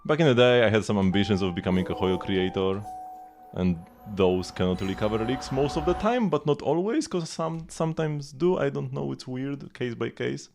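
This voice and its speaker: A man streaming a game chats casually over the gameplay, rambling and poking fun at himself. His mid-range voice is animated and creaky, moving at a moderate pace, with game music playing behind him.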